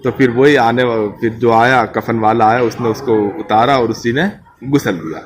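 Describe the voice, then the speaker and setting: A man's voice: mid-range voice, music in the background. A man telling a saint's legend in conversation, acting out the quoted dialogue as he goes. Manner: acts out quoted dialogue with shifts in loudness. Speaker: storyteller at a Sufi shrine.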